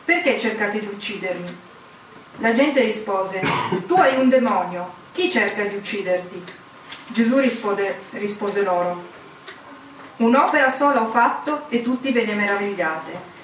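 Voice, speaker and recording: A woman reading scripture aloud in a steady, measured way. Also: mid-range voice. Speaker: scripture reader. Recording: echoey room, distant mic, faint noise.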